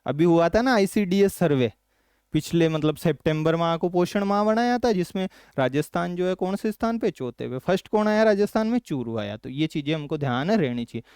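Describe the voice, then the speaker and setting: A male teacher from Rajasthan, India, runs a current affairs exam-prep lesson, asking quick questions and then answering them lower and softer. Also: expressive, smooth, no room sound, studio quality.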